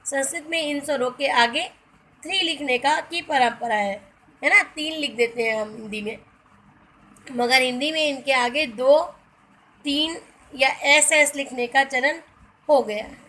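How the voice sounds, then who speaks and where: A woman's voice: sits high, unhurried, sharp tone, poor audio. A woman teacher giving a grammar lesson, spelling out letters one by one and calling her students "beta". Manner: briefly sings film song lines as examples. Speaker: Hindi teacher.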